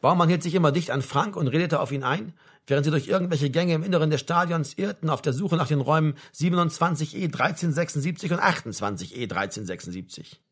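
A man reads a novel aloud in a calm, measured narration. His voice sits a little higher than most men's. The delivery stays steady throughout. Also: breathy edge. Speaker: audiobook narrator. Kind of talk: scripted narration.

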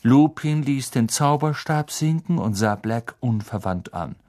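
A man narrating a novel as an audiobook in a dramatic, deliberate reading. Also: medium pitch, expressive, a little mellow.

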